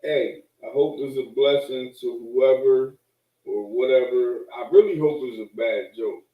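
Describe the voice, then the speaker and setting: A man's voice: medium pitch, a little slow, narrow, tinny audio. A man chatting casually in a rambling, repetitive stoner way, with slangy, profane street talk. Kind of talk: casual chat. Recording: echoey room, distant microphone.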